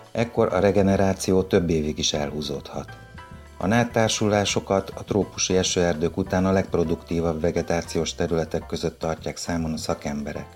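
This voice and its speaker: A man reading the radio news in an even, measured way from a script. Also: low voice. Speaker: newsreader.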